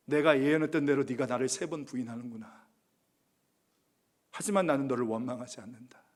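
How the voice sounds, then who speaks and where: A man voicing Jesus in a sermon retelling, speaking to a fallen disciple with soft tenderness that grows into earnest assurance. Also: mid-range voice, natural voice.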